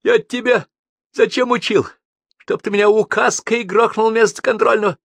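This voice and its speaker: A man's voice: high-pitched, steady tone, moderate pace, vocal fry, no echo, voice pushed up. A man voicing a crude, raving male gangster spirit that has taken over a man, bellowing slang in a manic way.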